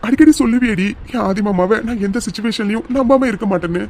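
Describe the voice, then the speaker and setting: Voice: medium pitch, fast talker, warm tone, slight background noise, natural voice. A distraught young husband from a cartoon serial, played by a voice actor, begging his wife to trust him. His voice sits in a middling range, wet with tears and full of repeated pleas. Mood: pleading. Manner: pleading, tearful, repeats himself. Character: young husband, anguished and pleading.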